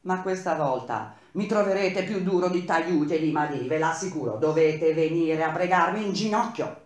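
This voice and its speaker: A man voicing an irate, stern male construction engineer who shouts indignantly. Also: on the high side, slow. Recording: very echoey room.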